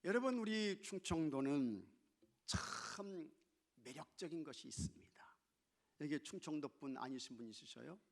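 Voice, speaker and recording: A man preaching a sermon as pastor, shifting from loud exclamations to hushed asides and playfully mimicking regional dialects. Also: on the high side, expressive, moderate pace, vocal fry. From not from Chungcheong. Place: church sanctuary.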